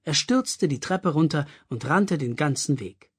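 An audiobook reader narrating a story expressively with a husky voice. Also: mid-range voice, animated, a little slow. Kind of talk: scripted narration.

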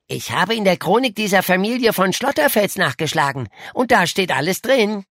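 A woman's voice: mid-range voice, sing-song, moderate pace, fairly bright tone, no echo, clean studio sound. A woman voicing a clever, boastful young boy in an audiobook, speaking eagerly and sure of himself. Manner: eager, self-assured storytelling. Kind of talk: audiobook dialogue reading.

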